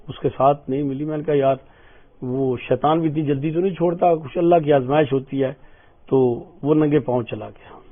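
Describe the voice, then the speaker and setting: An older man preaching an emotional storytelling sermon, acting out the voices in his stories. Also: on the high side. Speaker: Islamic preacher. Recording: tinny phone-like lo-fi sound.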